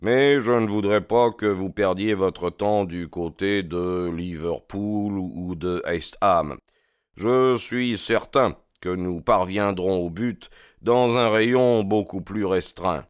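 A man voicing a confident, cordial male detective in an audiobook reading, speaking briskly and earnestly. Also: low voice, clear, resonant tone, no room sound, clean studio sound. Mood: earnest, assured.

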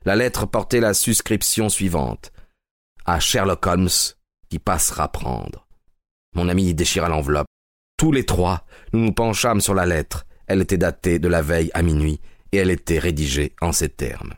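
A man giving expressive scripted narration of a story. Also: low-pitched, normal speed, dry recording, clean studio sound.

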